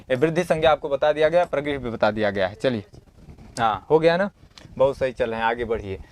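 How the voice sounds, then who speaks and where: Brisk and animated, with a medium-pitched voice, the teacher reads Sanskrit lines from a model exam paper and explains them in plain Hindi. He asks the class questions and answers them himself in a homely, encouraging tone, leaning on everyday comparisons.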